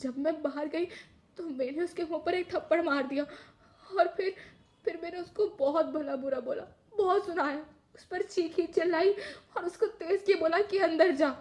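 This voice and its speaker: A woman playing a shrill, short-tempered housewife. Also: normal speed, darkish tone. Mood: tearful. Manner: scolding, shrill, then tearful. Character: short-tempered housewife who turns remorseful. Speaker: actress in a short drama.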